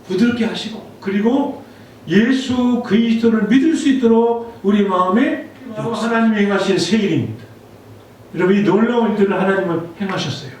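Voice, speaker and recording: In a church sanctuary, a man preaches a Sunday sermon in a high-pitched, darkish voice, sharing a personal story in a conversational way and putting questions to the congregation. A distant mic picks up the very echoey hall along with faint noise.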